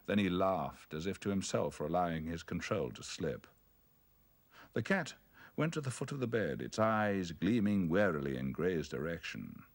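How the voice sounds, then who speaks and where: A man telling a ghost story in a measured, brooding delivery. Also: deep voice, sing-song. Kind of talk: dramatic ghost story reading.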